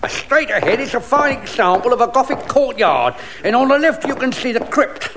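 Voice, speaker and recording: High-pitched, swooping monster servant. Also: male voice, sing-song, normal speed, gravelly, crowd noise, full character voice. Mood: matter-of-fact. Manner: matter-of-fact tour-guide patter. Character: hideous lurching monster servant, dutiful tour guide. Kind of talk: radio comedy acting.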